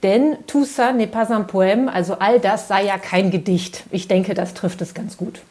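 A woman correspondent talks through her analysis in an interview. Her pitch is medium and her phrasing unscripted. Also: normal speed, mellow. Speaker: news correspondent. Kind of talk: spontaneous analytical interview answers.

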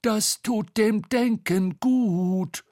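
Bo, a cheeky high-voiced little creature. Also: male voice, very slow, darkish tone, dry recording, clean studio sound. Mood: breezy, cocky. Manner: perky, high and bossy. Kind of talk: storybook read-aloud.

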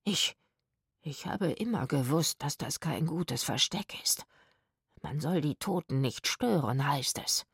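A woman voices a jittery middle-aged crook who stammers and whines, frightened of ghosts in a storybook scene. His voice sits low and the recording is close and dry. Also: animated, takes it slowly, vocal fry, few pauses, darkish tone, husky, no echo, full character voice. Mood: stammering scared. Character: bickering middle-aged male crook, whiny and fearful.

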